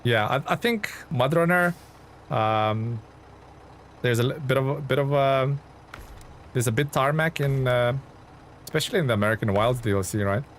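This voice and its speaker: A livestreamer from Lithuania chats casually with viewers as he plays, friendly and informal, often thinking aloud. His average-pitched voice moves at a moderate pace with long pauses, against slight background noise and clearly heard truck and engine sounds from the game.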